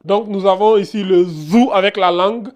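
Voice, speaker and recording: An Arabic teacher gives a casual beginner lesson, repeating sounds and often checking that viewers are following along. His voice sits high and moves at a normal speed.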